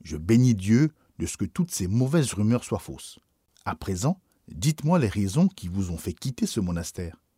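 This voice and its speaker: A man voicing a grave, kindly elderly bishop in an audiobook, speaking slowly and with measured solemnity. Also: on the low side, big pitch swings, mellow, husky, no room sound, studio quality. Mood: relieved.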